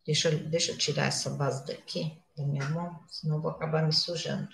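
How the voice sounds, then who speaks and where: A woman's voice: low-pitched, fairly even intonation, fast, gravelly. A mature woman giving a live makeup tutorial, chatty, constantly checking in with her viewers. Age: older. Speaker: makeup instructor. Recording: echoey room.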